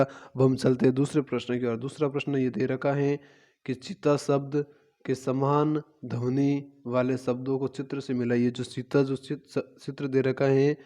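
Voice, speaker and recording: A man's voice: medium pitch, mellow. A man teaching a children's worksheet lesson, patiently repeating each word and answering his own questions.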